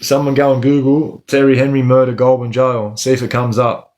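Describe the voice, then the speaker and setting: A man's voice: mid-range voice, flat delivery, brisk, darkish tone. An Australian man telling stories casually on a livestream as host, using Aussie eshay street slang like a local lad.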